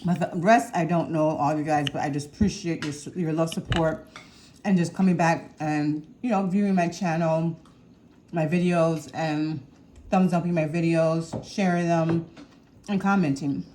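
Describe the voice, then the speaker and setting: Chatty woman eating, mellow low voice. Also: steady tone, normal speed, slight background noise. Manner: chatty, rambling, with soft laughs and hums. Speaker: cooking vlogger. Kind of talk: casual chat while eating. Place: home kitchen or dining room with window open.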